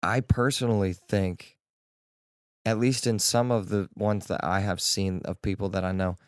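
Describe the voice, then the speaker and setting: A man's voice: on the low side, steady tone, normal speed, smooth, dry recording, clean studio sound. A man co-hosting a faith podcast in casual chat, building his points with repetition and lots of "like". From Delaware, USA. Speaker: podcast co-host.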